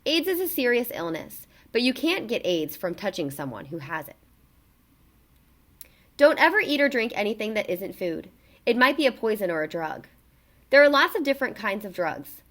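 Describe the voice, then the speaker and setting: At a moderate pace, a woman reads a children's book aloud in a fairly high voice. She swings her intonation broadly and stresses words with expressive emphasis suited to young listeners.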